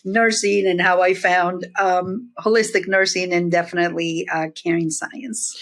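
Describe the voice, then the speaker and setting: A middle-aged nurse leader from Puerto Rico, raised in New Jersey, speaks reflectively as a guest in an interview conversation, with many fillers and restarts. Her voice is fairly low and a bit bright, with fairly even intonation and a slightly slow pace.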